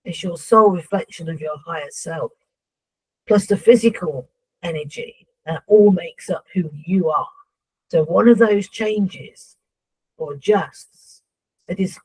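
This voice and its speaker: A woman speaking as a seance medium in trance, voicing a solemn, instructive spirit guide who addresses humans, with a husky voice. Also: lowish voice, a little slow, darkish tone, rough recording.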